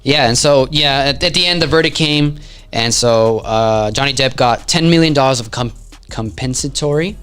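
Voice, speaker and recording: A young man co-hosting a casual podcast. He talks loosely and jokes around, tossing in "bro" and laughing easily, at a middling pitch. Faint music plays under the talk. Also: moderate pace, fairly bright tone, smooth. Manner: loose, joking, laughs often, says "bro". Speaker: podcast co-host. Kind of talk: casual chat.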